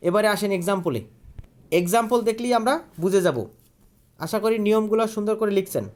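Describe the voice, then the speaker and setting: A man's voice: sits high, fast talker, darkish tone. A man teaching an online grammar lesson. He asks questions, answers them himself and repeats key words.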